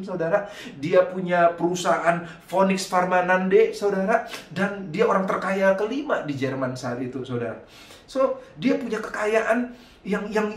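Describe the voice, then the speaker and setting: A man preaching a youth sermon in a church, lively and direct, often calling out to his listeners. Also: sits high, roomy sound. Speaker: youth pastor. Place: church hall.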